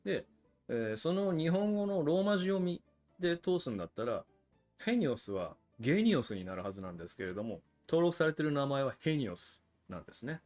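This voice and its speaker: A man's voice: fairly high pitch, big pitch swings, fairly quick, a little mellow, faint music behind. A man hosting a livestream about cigars, explaining things in a chatty, casual way with frequent asides to viewers. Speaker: cigar channel host.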